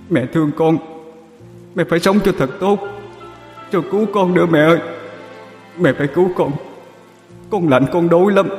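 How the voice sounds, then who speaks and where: A man's voice: on the high side, echoey room, big-room sound, pitched above the performer's own voice, natural voice. Man voicing a wailing young ghost son. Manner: wailing, pleading, sobbing.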